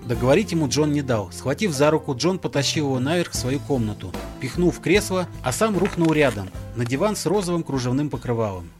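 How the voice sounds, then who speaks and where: A man narrates a story in a measured, even storytelling voice. Music sits clearly under his narration. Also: a little high. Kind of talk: audiobook narration.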